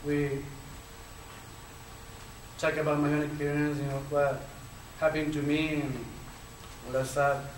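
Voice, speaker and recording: A panelist from Chile talks about his own life in a flat, rather high voice, a little slow and with long pauses. He has a Chilean Spanish accent, a stutter and many fillers. The recording comes from a distance in an echoey lecture hall with faint noise.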